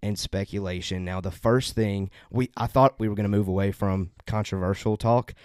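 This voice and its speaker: A man's voice: on the low side, steady tone, moderate pace, a little mellow, clear, resonant tone, dry recording, clean studio sound. A man hosting a casual podcast, chatting upbeat with listeners and running through plugs with loose self-corrections. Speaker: podcast host.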